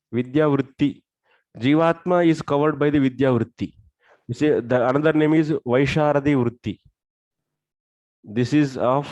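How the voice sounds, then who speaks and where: A man's voice: mid-range voice, darkish tone, no room sound, lo-fi sound. A man with a South Indian accent teaching a religious lesson step by step, often putting questions to his listeners. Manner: explains step by step, asking questions. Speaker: scripture teacher.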